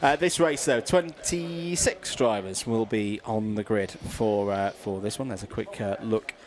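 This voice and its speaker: A man's voice: lowish voice, unhurried. A man with a British accent doing live karting commentary, chatty, with many fillers and restarts.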